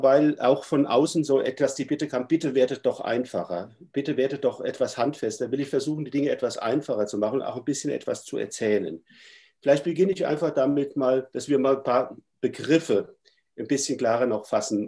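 Over a webcam on a video call, a middle-aged man gives a lecture from home in a mellow, medium-pitched voice. He has a stuffy cold, and his delivery is thoughtful and hesitant.

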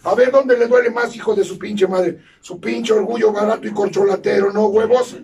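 A Mexican man with a Mexican Spanish accent giving crude, profanity-laden testimony at a support meeting, bursting into shouts. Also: high-pitched, fairly even intonation, normal speed. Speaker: recovery group speaker. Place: meeting hall. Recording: distant mic in a noisy crowded room.

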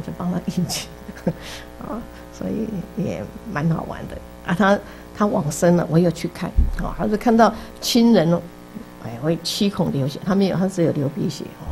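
A woman's voice: on the low side, warm tone, rough recording. A middle-aged woman from Taiwan, teaching a casual Buddhist class in a chatty storytelling way, full of interjections. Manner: chatty storytelling, many interjections, laughs at own jokes. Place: basement classroom.

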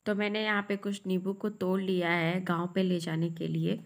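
A woman's voice: lowish voice, little pitch movement, moderate pace. A young woman narrating her family vlog in a chatty, homely way, talking straight to her viewers. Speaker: family vlogger.

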